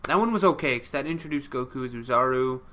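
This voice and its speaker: Bright-voiced man giving blunt opinions. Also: medium pitch, expressive, fast. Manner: blunt opinions, dry short replies. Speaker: podcast co-host. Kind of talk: casual chat.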